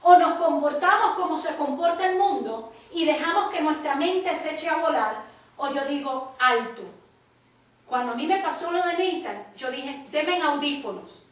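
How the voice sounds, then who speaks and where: A woman preacher with a high voice leads a church class, speaking emphatically and acting out the people in her story. Her voice carries from a distance in a strongly echoing church hall. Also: normal speed. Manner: emphatic, storytelling with quoted dialogue. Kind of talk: Spanish church teaching. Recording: echoey church from far off.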